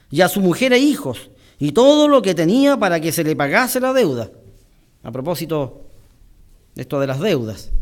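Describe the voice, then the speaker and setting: Male preacher, high voice, church sermon, reads scripture, then explains slowly with pauses. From Chile.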